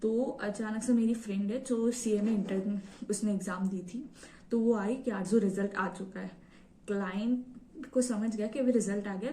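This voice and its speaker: A woman's voice: medium pitch, warm tone, recorded from a distance. A young woman telling her own story to camera in a casual, eager way, with many fillers. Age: young adult. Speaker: vlogger sharing her exam story. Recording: roomy echo, set back from the mic.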